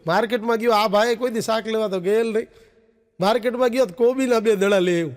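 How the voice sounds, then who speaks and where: A man's voice: high voice, fast. Stand-up comic, male, raises his voice to play husband and wife, lingering hall echo. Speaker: stand-up comedian. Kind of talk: Gujarati stand-up joke telling. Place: stage show before an audience. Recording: long reverb of a stage hall.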